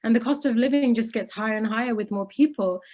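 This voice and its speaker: This fast-talking woman has a slightly mellow, higher voice. She's a Bangladeshi guest in her twenties, giving earnest, articulate views during a conversational interview.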